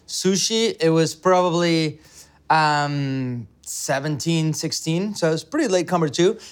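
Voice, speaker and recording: A man's voice: fairly high pitch, unhurried, smooth. A middle-aged man from Mexico, a beverage director, talking enthusiastically in an interview with many fillers and restarts. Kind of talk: conversational interview.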